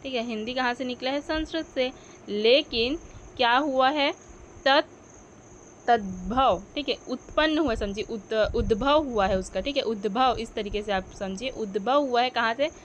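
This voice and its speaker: High-voiced woman teaching slowly. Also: slight background noise. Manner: explains with questions she answers herself, self-corrects. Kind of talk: Hindi grammar lesson.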